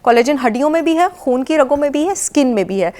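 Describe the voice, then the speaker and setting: A woman's voice: high voice, lively intonation, quick pace, warm tone. A woman with a Pakistani accent, a nutrition expert guest on a TV morning show, lecturing with emphatic repetition and English phrases mixed in. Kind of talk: explanatory talk-show chat. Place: television studio.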